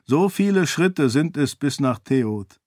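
Audiobook: man doing a young man, earnest and wondering, noticeably raised pitch. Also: lively intonation, slow pace, a little mellow, no room sound, clean studio sound. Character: young man, newly healed, precise with numbers.

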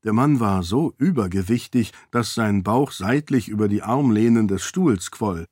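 A man narrating a fantasy audiobook in a measured, even storytelling manner, close to the mic. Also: fairly low pitch, husky, no echo.

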